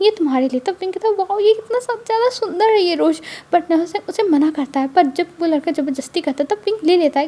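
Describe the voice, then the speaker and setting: A woman's voice: high voice, mellow. A woman casually narrating a fan fiction story and voicing every character herself.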